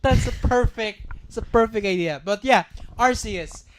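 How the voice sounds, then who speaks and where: A woman's voice: on the high side, moderate pace, background noise. A woman co-hosting a casual gaming podcast, chatty and teasing, laughing often. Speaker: podcast co-host. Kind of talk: casual chat.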